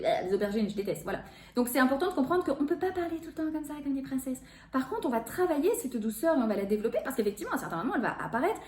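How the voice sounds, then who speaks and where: A woman in her forties, a voice therapist explaining a topic to viewers in an expressive, animated way. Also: a little high, a little hiss or hum. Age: 40s. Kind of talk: educational video talk. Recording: echoey room.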